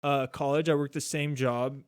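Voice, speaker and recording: Easygoing and rambling, this thirty-something man chats casually on his podcast, leaning heavily on "dude" and "like." He talks at normal speed in a smooth, resonant, mid-pitched voice. The recording is close and dry, free of any echo.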